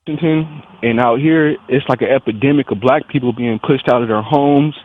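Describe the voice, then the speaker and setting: A man's voice: mid-range voice, brisk. A man calling in to a radio show on a speakerphone, telling his story in a plain, matter-of-fact way. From US Pacific Northwest. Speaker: caller. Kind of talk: call-in radio talk. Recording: tinny speakerphone line with faint hiss.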